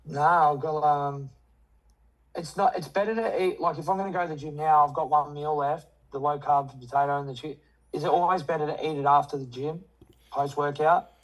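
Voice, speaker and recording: A man's voice: on the high side, fairly even intonation, brisk, low-quality recording. A man chatting casually in a rambling, slangy, sweary way. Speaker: coaching client. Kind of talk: casual chat.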